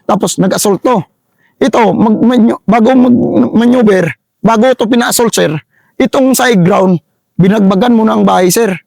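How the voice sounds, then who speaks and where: A middle-aged man with a Visayan accent, an army sergeant telling a war story in a halting way, repeating phrases and often saying "sir". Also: sits high, vocal fry, a little mellow, no room sound, studio quality. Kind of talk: interview storytelling.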